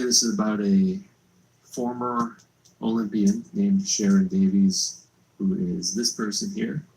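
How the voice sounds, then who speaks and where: A man's voice: lowish voice, vocal fry, darkish tone, poor audio. A man giving dismissive, mocking commentary in a video played during the stream.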